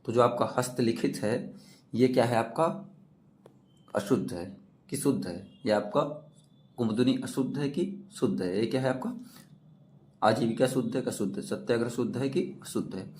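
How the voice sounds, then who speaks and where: A man's voice: mid-range voice, moderate pace, pauses often, a little mellow, slight background noise. A man teaching an exam-prep lesson, asking questions and repeating the answers himself.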